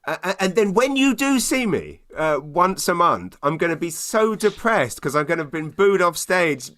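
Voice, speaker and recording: A British man, a stand-up comedian, telling a comic anecdote in casual conversation in an animated, self-deprecating way with stammered repeats. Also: high-pitched, moderate pace.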